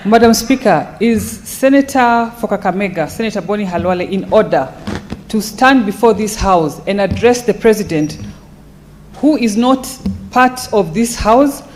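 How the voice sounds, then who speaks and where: A woman's voice: fairly high pitch, darkish tone, slight background noise. A woman with a Kenyan accent speaks as a senator raising a point of order. She is insistent and indignant, pressing her objection combatively.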